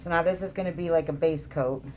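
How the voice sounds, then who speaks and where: A woman's voice: deep voice, fast, a little mellow, a little hiss or hum. A woman casually narrating a craft tutorial, her voice muffled by a mask over her mouth. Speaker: resin craft demonstrator.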